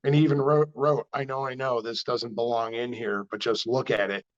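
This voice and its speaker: Relaxed and chatty, this New York shop owner who builds cars spins stories for an interviewer, quickly jumping higher in pitch to voice other people's lines. His voice is mid-range, captured on a slightly muffled, lo-fi recording.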